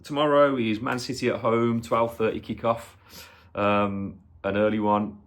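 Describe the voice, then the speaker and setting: A man in his forties with a low voice and a Brummie accent. He talks casually as a football fan previewing a match for his viewers, rambling a little and adding matey tag questions. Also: level tone, measured pace. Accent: Birmingham (Brummie). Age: 40s.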